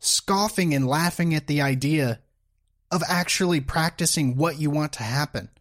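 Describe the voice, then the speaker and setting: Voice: medium pitch, normal speed. A commentator reacting to a video clip in a sarcastic, mocking way. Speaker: political commentator.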